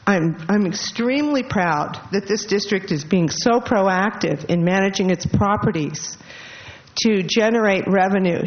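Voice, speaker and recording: A woman, a departing school board member, gives an emotional farewell speech at a public meeting, tearful and halting, laughing through tears. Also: mid-range voice. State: tearful, voice catching. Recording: dull lo-fi meeting recording with faint noise.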